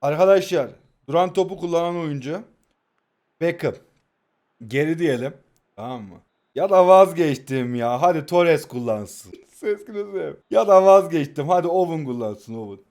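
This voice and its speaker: A man, giving playful, taunting commentary over a mobile football game and bursting into excited play-by-play. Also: on the high side, normal speed. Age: 20s. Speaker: mobile football gaming YouTuber. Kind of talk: live gameplay commentary, teasing opponent.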